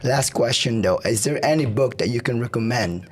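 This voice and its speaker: A man hosts a podcast interview in a voice worn hoarse, since he lost it only days earlier. He keeps a loose, easygoing flow, dotting his talk with "like" and "right?". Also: medium pitch, fairly quick. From Filipino community. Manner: relaxed, fills with "like" and "right?". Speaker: podcast host. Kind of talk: casual interview.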